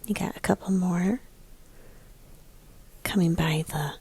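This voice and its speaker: A woman's low-side, breathy and mellow voice, soft at the edges and often creaking at phrase ends, guides young children through a picture book. Acting as an elementary art teacher, she speaks slowly and keeps asking questions so they look closely, with no room sound.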